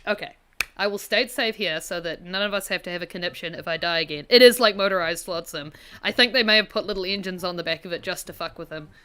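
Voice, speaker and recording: A woman's voice: fairly low pitch, quick pace, pushed and bright, smooth, faint music behind. A woman with a broad rural New Zealand accent giving casual gameplay commentary in a rambling, sweary, self-deprecating way. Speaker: gaming video host.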